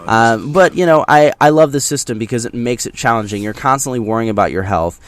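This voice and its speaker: A man's voice: mid-range voice, fairly quick. A man talking casually through his impressions of a video game, explaining things directly to viewers in a conversational way. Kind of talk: casual scripted-free game impressions commentary over gameplay.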